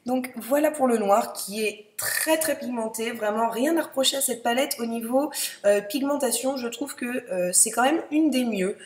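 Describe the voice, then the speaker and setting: A woman's voice: a little high, moderate pace, a little mellow, slight background noise. A young woman chatting casually through a makeup swatch review, hesitant, with many fillers and repeated words. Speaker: beauty vlogger. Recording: echoey room.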